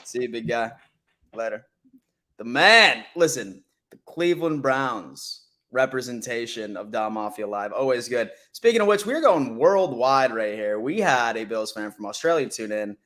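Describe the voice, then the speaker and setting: The voice belongs to a thirty-something man from Buffalo, New York, who runs a laid-back sports call-in stream. It's medium in pitch, expressive, bright, and forceful, at a moderate pace. He frequently says "man" and gets his guests hyped.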